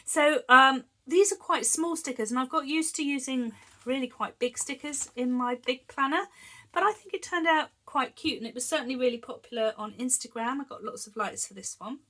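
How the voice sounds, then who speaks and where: A British planner vlogger in her fifties shows off her planners in a casual show-and-tell, chatty and giggly with plenty of ums. Her high voice sounds pushed and bright at a moderate pace, and a chest infection leaves her slightly wheezy.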